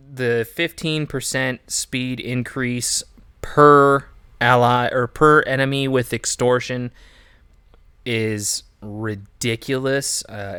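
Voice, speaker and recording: A man's voice: mid-range voice, fairly bright tone, clear, resonant tone, dry recording, studio quality. A man chatting casually as a gaming streamer, rambling with many fillers and restarts. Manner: laughs easily. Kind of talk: casual game commentary.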